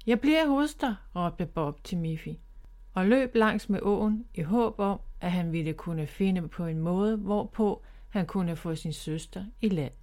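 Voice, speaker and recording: A woman who writes children's books, reading her own story aloud in a clear, gentle way. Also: on the low side. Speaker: children's author and narrator.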